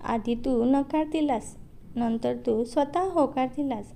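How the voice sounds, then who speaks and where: A woman voicing a cold, firm younger brother in a read-aloud story, in her own slow reading voice. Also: high-pitched, creaky, warm tone, full character voice. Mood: cold insistent.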